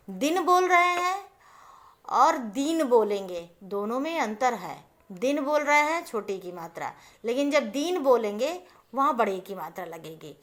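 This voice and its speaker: A woman's voice: a little high, fairly bright tone. A woman Hindi teacher giving a patient lesson to young children, spelling out letters and words one by one. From India.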